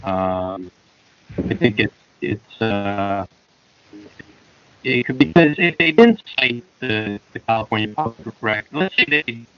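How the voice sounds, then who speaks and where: A man chairing an online public hearing, speaking haltingly with many fillers while his audio keeps cutting out. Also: fairly low pitch, sing-song, no echo. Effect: choppy audio that keeps cutting out. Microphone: remote call connection. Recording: muffled lo-fi online call with dropouts.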